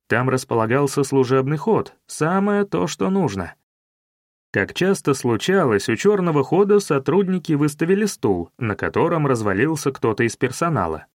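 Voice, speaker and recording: A man narrating a detective novel as an audiobook in a wry, measured storytelling manner. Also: fairly high pitch, dry recording, clean studio sound.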